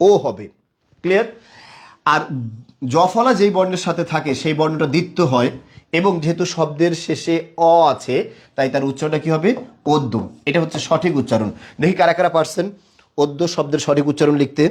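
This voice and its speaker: A man's voice: fairly high pitch, brisk. A young man teaching a live online class, quizzing viewers and praising them again and again. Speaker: online tutor.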